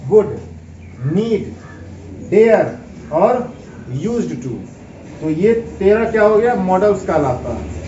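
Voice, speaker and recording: A high-voiced man teaches grammar at an unhurried pace, putting questions to his students and answering them himself. His voice is mellow and sits in a roomy space, picked up from some distance. The sound is a bit dull. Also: expressive, slight background noise. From India. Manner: asks questions then answers them, spells words letter by letter. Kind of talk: classroom grammar lesson. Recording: echoey room, picked up from a distance, slightly dull.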